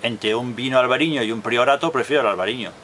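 A video blogger in his fifties from Barcelona, Spain, delivers an emphatic, opinionated monologue to a close webcam indoors in front of a blue wall, insistently repeating his points. His medium-pitched voice is fast, pushed and bright, with a little hiss or hum.

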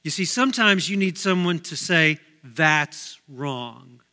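A man's voice: sits high, normal speed, pushed and bright. A middle-aged man preaching a sermon as pastor, telling a personal story in a conversational way with many asides. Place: church sanctuary.

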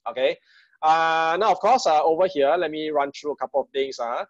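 A man's voice: fairly high pitch, brisk, dry recording. A man in his thirties with a Singaporean accent, casually hosting an online group party over a video call. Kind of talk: casual, informal hosting with Singlish particles. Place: small room at home, on a video call. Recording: dull, lo-fi video call audio.

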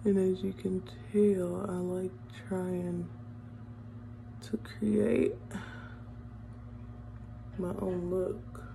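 A woman's voice: fairly low pitch, level tone, slow pace, vocal fry, hardly any pauses, dark tone, slight background noise. A woman chatting casually to viewers as she does her makeup, humming along as she works. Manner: chatty, addresses viewers as y'all, hums while working. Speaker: beauty vlogger. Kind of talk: casual makeup vlog chat.

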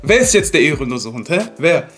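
A man's voice: on the high side, big pitch swings, fairly quick, fairly bright tone, soft background music. A man hosting a reaction video, lecturing heatedly in casual heavy talk. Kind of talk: casual ranting reaction commentary.

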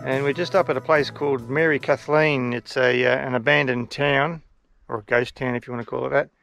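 An older Australian man with a relaxed, laid-back manner, chatting casually to camera as a travel vlogger outdoors. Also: medium pitch, brisk, vocal fry, faint music behind. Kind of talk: casual vlog narration to camera. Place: outdoors at bush campsites and lakeside.

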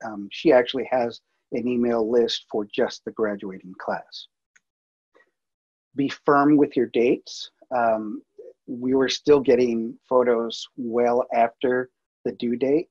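Speaking slowly in a steady, medium-pitched and slightly rough voice, a multimedia producer presents his workflow on webinar slides. His delivery is casual, packed with fillers and restarts, and the audio has its highs cut off.

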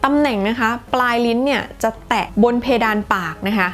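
A woman with a Thai accent teaching English pronunciation in a playful, casual way, repeating sounds slowly and clearly. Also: fairly high pitch, fairly bright tone, soft background music. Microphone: close to the camera.

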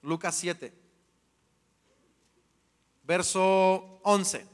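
A man preaching a sermon as pastor, animated and playful, acting out little voices along the way. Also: sits high, extremely slow. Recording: long hall reverb.

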